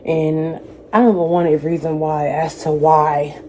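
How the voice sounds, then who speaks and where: A woman in her thirties, a vlogger, speaking softly and reflectively to camera, offering faith-based encouragement. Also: low-pitched, little pitch movement, unhurried, dull audio, a little hiss or hum. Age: 30s. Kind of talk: personal talk to camera.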